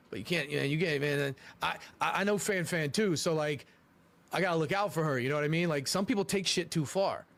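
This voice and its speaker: Fast, high-voiced man telling a rambling story. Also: a bit bright. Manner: rambling, repeats himself, stumbles over words. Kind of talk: casual storytelling.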